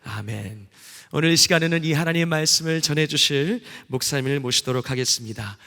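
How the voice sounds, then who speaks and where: A man leading a church service, reading scripture and introducing the preacher in a measured, formal way. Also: a little high, level tone, bright, forceful tone. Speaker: worship leader. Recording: echoey church sanctuary.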